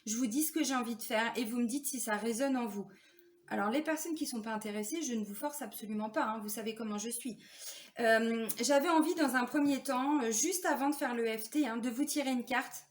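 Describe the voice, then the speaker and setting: Here a spiritual therapist chats casually with her viewers on camera, confiding in them and leaning on fillers and tag questions. Her pitch is fairly high, she talks fairly quickly, and there's slight background noise.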